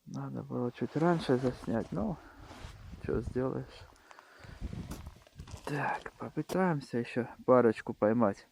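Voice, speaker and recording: A man talks casually to viewers while fishing outdoors. His delivery is slow, in short muttered remarks at a medium pitch. Faint wind and open-air noise sit on the microphone. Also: creaky, a little mellow, rough recording. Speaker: angler filming own fishing vlog.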